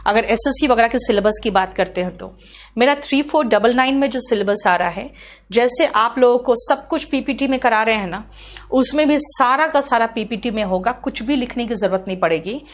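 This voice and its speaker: Brisk Hindi-speaking woman teaching grammar. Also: fairly high pitch. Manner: brisk, scolding, addresses students as beta. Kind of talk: live online class.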